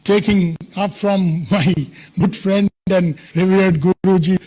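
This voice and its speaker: This older Indian conference speaker, speaking Indian English, has a high, slightly mellow voice with fairly even intonation and takes his time. A tooth infection slightly hinders his speech as he gives an emphatic, confident talk in a conference hall, sprinkled with chatty asides.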